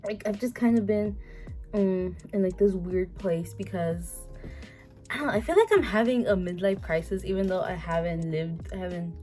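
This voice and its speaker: Rambling young woman, mellow voice. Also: medium pitch, normal speed, soft background music. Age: 20s. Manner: rambling, many fillers and restarts. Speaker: vlogger. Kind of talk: casual chat to camera.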